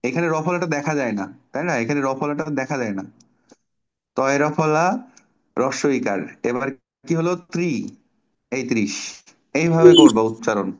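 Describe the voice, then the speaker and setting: A man's voice: medium pitch, expressive, moderate pace. A man teaching an online children's class, patiently explaining pronunciation step by step and asking the pupils questions. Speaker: Bangla teacher.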